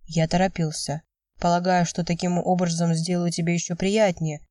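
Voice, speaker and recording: A woman's voice: fairly low pitch, level tone, normal speed, dark tone, no room sound, far from the mic, close to an everyday voice. Woman reading a hurt, blunt young man.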